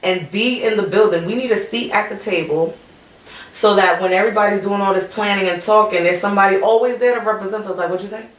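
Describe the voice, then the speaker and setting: A woman's voice: mid-range voice, fast talker. Blunt, laughing woman podcast host. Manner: blunt, laughing, swears freely. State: tipsy. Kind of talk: casual chat. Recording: echoey room, mic far off, faint noise.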